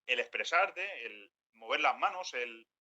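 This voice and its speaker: A man giving a workshop talk to a group, lively, often acting out quoted speech. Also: mid-range voice, unhurried, dull audio. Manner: acts out quoted speech, animated. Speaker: workshop speaker. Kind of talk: lecture to a group.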